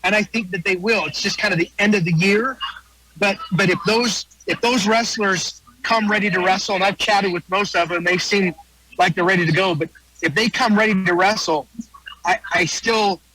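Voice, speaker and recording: High, bright-voiced American man, folksy sports talk. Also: normal speed, no room sound, low-quality recording. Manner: folksy, repeats phrases for emphasis. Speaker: wrestling announcer and guest analyst. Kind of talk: casual sports preview interview.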